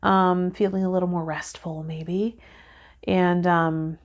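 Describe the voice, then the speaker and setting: A woman in her thirties hosts a tarot video, speaking to camera in a lowish, flat voice at a slow, unhurried pace. Her talk is a casual, reflective vlog, partly reading card meanings aloud. She films indoors on a small home set with a fabric backdrop.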